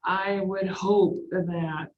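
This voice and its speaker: A woman on a school board works through a question out loud, hedging with frequent "you know"s. Her voice sits a little low. The meeting audio is dull. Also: fairly even intonation, drawn-out words. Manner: thinking aloud, frequent affirming murmurs.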